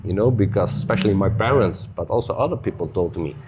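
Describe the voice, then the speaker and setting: A man telling stories as a podcast guest in loose, non-native English with many "you know"s, relaxed and upbeat. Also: deep voice, fast talker, background noise. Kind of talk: casual storytelling conversation.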